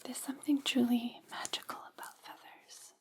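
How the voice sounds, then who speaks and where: A woman hosting ASMR in a breathy, unvoiced whisper, speaking gently in slow, deliberate phrases. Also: high-pitched, flat delivery. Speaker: ASMR host.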